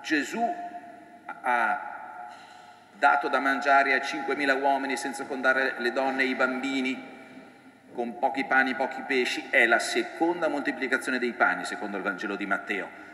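A man's voice: medium pitch, fairly even intonation, normal speed, pushed and bright, slight background noise. A priest giving a reflective sermon, voicing the scripture he quotes with feeling. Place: church. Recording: echoey church with long reverb.

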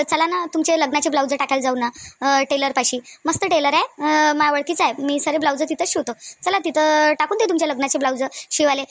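A woman with a Varhadi Marathi accent from Vidarbha voices chatty, bustling village women in a cartoon comedy. Her colloquial chatter is animated and high-pitched. There is no room sound.

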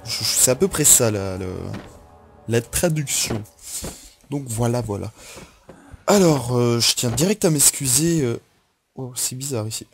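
A man's voice: medium pitch, animated, measured pace, pauses often, a little hiss or hum. A tired young man talking casually over a game on his headset mic, rambling and apologetic. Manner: rambling, apologetic, with self-talk. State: tired after little sleep. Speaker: gaming YouTuber. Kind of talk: casual let's-play commentary.

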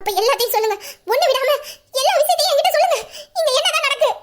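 Woman playing a tearful young bride-to-be, very high. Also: animated, racing, heavy background noise. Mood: shocked. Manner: pleading, voice breaking into sobs. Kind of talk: Tamil audio drama acting.

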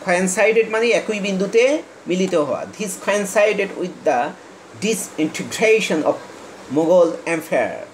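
A man from Bangladesh teaching an English lesson, reading English lines slowly and explaining quickly in Bengali. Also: high-pitched, a little hiss or hum, rough recording.

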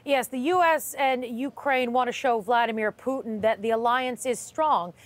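Female correspondent, middle-aged, live news analysis, fairly high voice. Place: TV studio, indoors.

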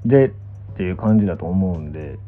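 Phone-like sound, animated Kansai-accented man. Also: sits low, quick pace, faint music behind. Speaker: pro gamer and streamer. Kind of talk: casual livestream chat. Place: small indoor room, lying down. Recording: muffled, thin phone-like audio.

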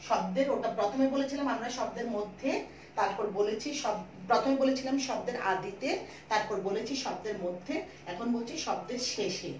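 A fairly high-voiced woman teacher with a Chittagonian Bangla accent walks students through a lesson, repeating each rule slowly and patiently. She sounds a little distant from the mic. The room is echoey, with a faint hiss behind her. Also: a little mellow. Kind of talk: online school lesson.

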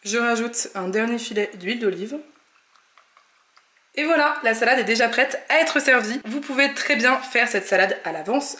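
A woman's voice: on the high side, bright, forceful tone. A woman hosting a cooking channel, narrating a recipe in a friendly, explanatory way and giving tips. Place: home kitchen. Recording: roomy echo, faint noise.

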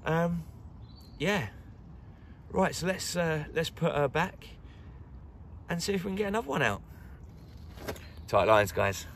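A middle-aged man chatting excitedly to the camera while fishing by a lakeside, recorded on a handheld camera. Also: a little high, a little slow, pauses often, a little hiss or hum. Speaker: carp angler vlogger. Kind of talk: casual outdoor fishing vlog. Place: lakeside outdoors, crouched by the water.

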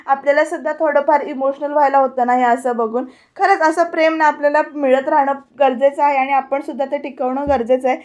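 A woman's voice: high voice, steady tone, fairly quick, hardly any pauses, a little mellow. A woman retelling a TV serial episode in a chatty voice-over, often addressing the viewers. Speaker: serial review narrator.

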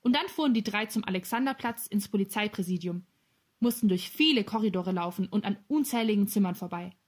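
A woman narrating a children's novel as an audiobook, with clear, lively storytelling. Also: mid-range voice, a little fast.

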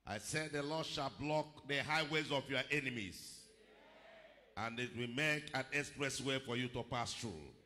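A middle-aged male pastor giving a measured sermon into a handheld microphone at a pulpit, rising to emphatic declarations. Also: medium pitch, pushed and bright. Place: large church hall, indoors. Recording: long hall reverb.

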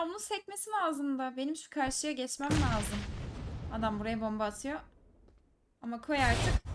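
A woman giving live commentary over her own mobile shooter match, teasing enemy players and breaking into excited shouts. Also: high voice, heavy background noise. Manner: teasing, talks to enemies, bursts of excited shouts. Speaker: gaming streamer. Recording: loud gunfire game audio behind. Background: game gunfire and clicks.

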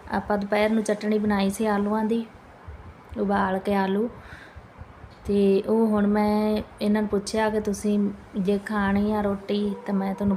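A chatty Punjabi woman, a mother who runs a family vlog, narrates casually around her home. She speaks at a fairly even pitch in a homely way, addressing viewers with polite tags. Home ambience and clear background noise can be heard.

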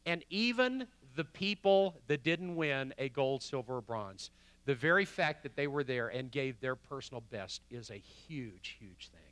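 A man preaching a sermon as the pastor in a church, swinging from loud emphasis to hushed quotes. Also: medium pitch, animated, unhurried, clear, resonant tone, no echo. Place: church sanctuary.

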